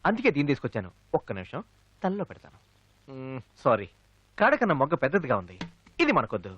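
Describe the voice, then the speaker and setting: A cocky young college student who courts his lecturer. His bright voice rises and falls with lively swings of pitch. He talks in a brash, teasing way that quickly turns into indignant ranting, as in a dubbed film. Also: husky, no echo, muffled recording, exaggerated voice. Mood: playful teasing. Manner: playful, then loud and indignant.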